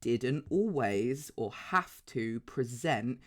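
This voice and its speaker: Chatty man, animated. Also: mid-range voice, slow. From south coast of England. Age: around 40. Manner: animated, chatty, swears casually. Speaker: podcast co-host. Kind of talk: casual chat.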